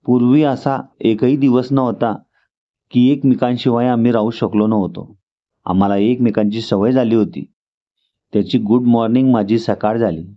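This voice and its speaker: A man reading a first-person story aloud as a steady narrator. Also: mid-range voice. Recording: dull lo-fi recording.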